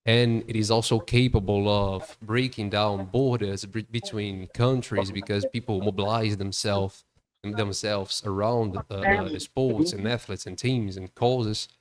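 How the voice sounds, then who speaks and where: Male interviewer, low voice, hesitant questioner who fills pauses with repeated "uh". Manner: hesitant, many repeated fillers. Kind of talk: interview questions in a second language.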